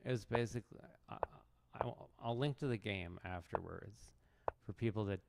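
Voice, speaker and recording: Gravelly and on the low side, his voice keeps a normal speed. He plays chess live in a noisy recording, rambling casually, poking fun at himself, and breaking off thoughts to begin again.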